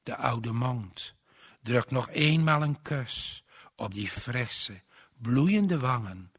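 Slow, husky male storyteller. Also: mid-range voice. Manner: calm, measured storybook narration. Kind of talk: reading a story aloud.

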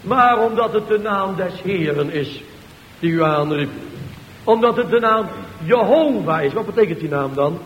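A man preaching a sermon with fervour, asking rhetorical questions and swinging between loud and hushed. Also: sits high, expressive, moderate pace, highs cut off. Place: church. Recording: echoey church hall with faint hiss.

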